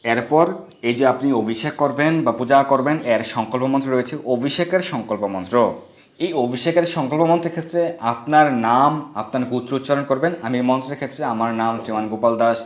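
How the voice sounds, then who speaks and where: A man explaining devotional ritual steps in a formal, methodical way, as a religious instructor. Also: medium pitch. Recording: echoey room.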